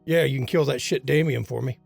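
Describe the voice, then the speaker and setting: A man voicing the vengeful, blunt ghost of a gunned-down man in a tabletop game, with a raspy, sly, terse delivery. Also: mid-range voice, fairly quick, a little mellow, no room sound, faint music behind. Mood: bitter, sly. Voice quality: raspy, gravelly.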